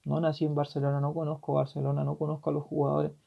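A tearful man with a Chilean accent hosting a solo podcast, ranting passionately and swearing, his voice swinging from loud to hushed. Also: a little high, completely flat delivery, fast talker, vocal fry, husky. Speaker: podcast host. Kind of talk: emotional solo podcast rant. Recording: dull lo-fi recording.

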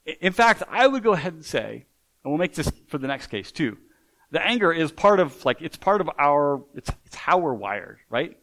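A man's voice: fairly high pitch, sing-song, moderate pace, a bit bright, rough recording. A man preaching a sermon in a conversational way, often restarting sentences and checking in with "right?". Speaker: pastor.

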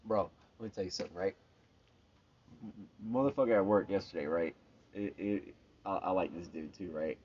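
A man's voice: sits low, moderate pace, a little mellow, slightly rough. A man rambling through a casual story, swearing and asking "right?" every few words. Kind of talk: casual banter. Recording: dull lo-fi sound.

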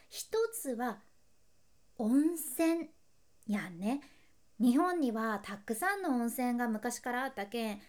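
A woman with a high voice and a hosting a relaxed solo podcast. She chats playfully and laughs often. She speaks straight to the listener in a friendly, talkative way. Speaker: podcast host, freelance announcer.

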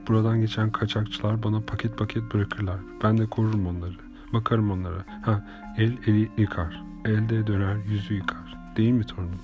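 Man putting on a crafty old station chief, laz dialect, low flat voice, folksy and coaxing, audiobook over music. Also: natural voice. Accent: Laz dialect of Turkish.

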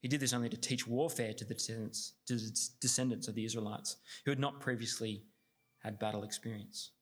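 A man's voice: lowish voice, fairly even intonation, fairly quick. A man reading scripture steadily, then preaching with many fillers and restarts.

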